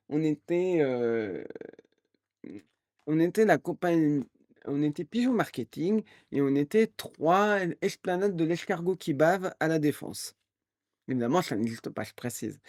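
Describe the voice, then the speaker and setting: A man streaming live, telling a rambling story in a casual, animated way and acting out the people he quotes. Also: fairly high pitch, a little slow, no room sound, clean studio sound. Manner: animated, acts out quoted voices; rambling with restarts and fillers.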